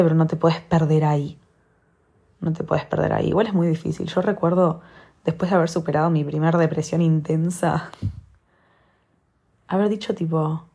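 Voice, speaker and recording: A young woman with a Rioplatense Spanish accent talks straight to her viewers in a loose, confessional way. She circles back and repeats herself for emphasis. Her voice sits low, with a husky, gravelly texture. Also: dark tone. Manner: candid, rambling, repeats phrases for emphasis. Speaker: vlogger giving advice. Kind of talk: casual confessional talk to camera.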